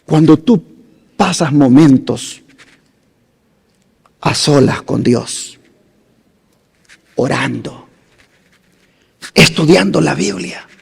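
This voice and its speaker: A man preaching a sermon as pastor, slow and dramatic, rising to loud emphasis and dropping to hushed phrases. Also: a little high, vocal fry, slightly rough, in a large hall.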